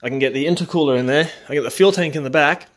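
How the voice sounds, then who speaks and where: A man's voice: a little high, rapid-fire. A man talking casually through his car repair work in a home garage, rambling with lots of ums. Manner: rambling, many ums, plain-spoken. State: out of breath. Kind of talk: casual workshop vlog.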